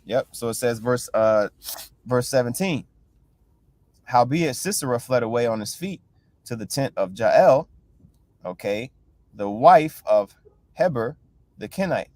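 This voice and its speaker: A man's voice: mid-range voice, a little mellow, no echo. A man leading a casual bible class, reading verses aloud and retelling them loosely, with constant "you know" and "right?" check-ins. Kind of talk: casual scripture teaching.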